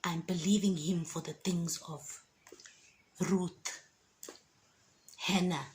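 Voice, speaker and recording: A woman's voice: on the low side, steady tone, slow pace, a little mellow, a little hiss or hum. A woman, giving an emphatic, encouraging faith testimony in a casual vlog. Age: 50s. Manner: emphatic and encouraging, preachy asides.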